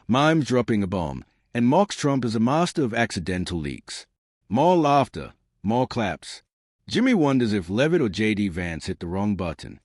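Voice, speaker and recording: Male narrator, low voice with lively swings, dry close sound, for dramatic scripted storytelling. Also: no room sound.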